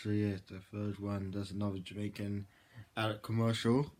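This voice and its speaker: A man hosting a casual reaction video, rambling with repeated filler phrases, swearing freely and breaking into sudden loud outbursts. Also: on the low side, level tone, normal speed.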